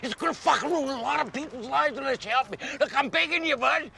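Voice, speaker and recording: A man's voice: very high-pitched, fast, gravelly, bright, forceful tone, full character voice. An actor playing a drunk middle-aged man who pleads in a slurred, rambling way. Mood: pleading. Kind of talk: mockumentary sitcom acting.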